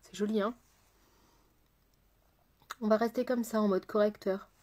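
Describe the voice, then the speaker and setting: A chatty woman hosts a live makeup stream, talking to her viewers as she works. She greets them by name, repeats her phrases, and at times slows down into a soft, almost hypnotic murmur. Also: medium pitch, fairly even intonation. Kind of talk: casual live-stream chat while doing makeup.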